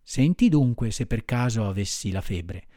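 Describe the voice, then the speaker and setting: A man's voice: lowish voice, expressive, moderate pace, dark tone, no echo, studio quality, close to an everyday voice. A man voicing a wooden puppet boy in an audiobook, wailing and pleading in despair. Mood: anguished.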